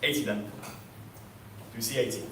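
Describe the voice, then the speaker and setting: A man with a mid-range voice chants live bids in an indoor auction sale room, repeating prices and increments in a steady, unhurried tone. The recording is echoey, with a distant mic and background noise.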